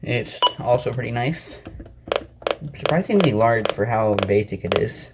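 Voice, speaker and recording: Expressive and a little slow, a medium-pitched man presents his radio collection indoors beside his desk. His unscripted, rambling commentary includes muttered asides to himself, captured in a clearly noisy amateur recording.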